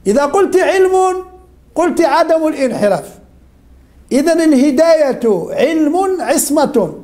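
A woman with a high-pitched voice leads an interactive religion lesson. She keeps asking the same question again and again and calls on her students by name until someone answers. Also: lively intonation, measured pace, mellow. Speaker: religion teacher.

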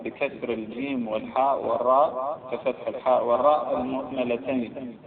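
Gravelly man teaching a religious text. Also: medium pitch, steady tone, crowd noise. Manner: slow, spells out letters and vowels, repeats words. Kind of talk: explaining a jurisprudence text line by line. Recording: tinny phone-like line, echoey room.

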